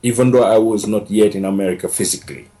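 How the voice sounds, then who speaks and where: A man from Senegal, appearing as a podcast guest, earnestly tells his story in a casual interview, often repeating himself. His lowish voice is mellow and quick, though the audio quality is poor.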